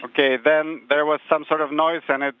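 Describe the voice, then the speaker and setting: A man's voice: a little high, little pitch movement, normal speed. Male interpreter relaying calls on a mission radio loop; clipped, matter-of-fact delivery through a tinny, phone-like radio channel. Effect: tinny spacecraft radio loop. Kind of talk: terse radio procedure calls. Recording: phone-like narrow radio band.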